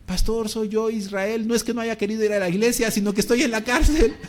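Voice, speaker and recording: A pastor doing the voice of a tearful young prisoner, pleading in a pitched-up, strained voice. He sounds desperate and quick to excuse himself, pushing each line out louder than normal speech. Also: fairly even intonation, lightly acted.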